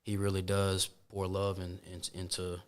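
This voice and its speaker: Low-voiced laid-back man from Florida. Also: monotone, normal speed, smooth. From Florida, USA. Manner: easygoing, repeats words while thinking, says "man" often. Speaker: podcast guest. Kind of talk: casual interview chat.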